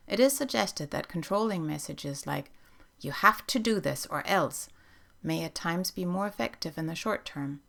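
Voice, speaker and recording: A woman giving calm, measured scripted narration for a teacher training video. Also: fairly low pitch, vocal fry. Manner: calm, measured instructional delivery.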